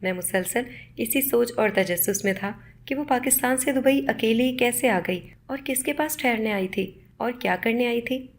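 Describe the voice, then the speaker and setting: A woman narrating a scripted first-person moral story in a steady, measured reading. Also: a little high.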